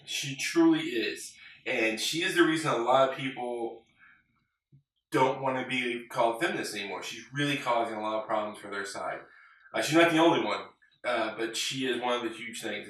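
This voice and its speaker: A man's voice: mid-range voice, normal speed, fairly bright tone. A man giving opinionated, emphatic takes in a casual film discussion as one of a panel of reviewers. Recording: very echoey room, far from mic.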